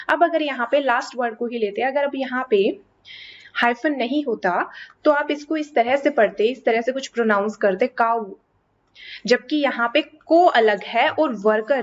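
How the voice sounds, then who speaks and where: Woman teacher, high voice, patient stepwise explanations, dull lo-fi recording with a faint hiss. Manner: explains step by step, stretches out example words slowly. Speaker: English teacher. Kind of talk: classroom lesson explaining English prefixes and hyphens. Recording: slightly dull lo-fi recording with faint background noise.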